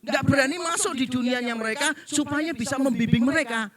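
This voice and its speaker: A middle-aged pastor delivers a playful sermon. His voice sits very high for a man and rings bright. He tells stories and mimics the people he quotes to draw laughs. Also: fairly quick, no echo. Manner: joking storyteller, acts out quoted people. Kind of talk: humorous sermon to a congregation.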